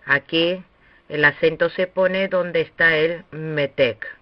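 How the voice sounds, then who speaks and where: Slow, deliberate male language teacher. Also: fairly high pitch, fairly even intonation, dry recording. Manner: slow, deliberate, with long pauses. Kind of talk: slow recorded lesson. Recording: dull, dry lo-fi recording.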